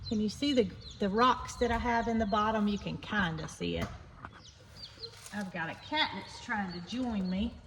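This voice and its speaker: Speaking at a medium pitch and a moderate pace, a woman gives a laid-back, folksy farm vlog aimed directly at her viewers. Echo from the barn, birdsong, and other clear background noise fill the recording.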